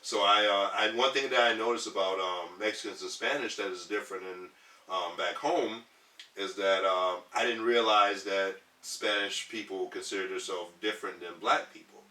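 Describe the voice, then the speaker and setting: Lower-voiced man, echoey and off-mic. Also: fairly even intonation, moderate pace, bright, forceful tone, recorded from a distance. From Detroit, US Midwest. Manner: earnest, rambling with many ums and restarts. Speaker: podcast guest, community organizer. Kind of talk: casual podcast conversation.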